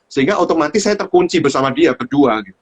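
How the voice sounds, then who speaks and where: Male host, casual livestream chat, animated storyteller, filler-heavy. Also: fairly high pitch, fast talker, husky. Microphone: livestream phone.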